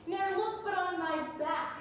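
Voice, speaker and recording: A woman's voice: very high voice, unhurried. A young woman playing proud Caesar on stage. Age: young adult. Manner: proud, declamatory. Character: Caesar, proud defiant ruler, played as woman. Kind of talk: stage Shakespeare acting. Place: indoor arena theatre stage. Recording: distant mic, very echoey theatre, faint noise.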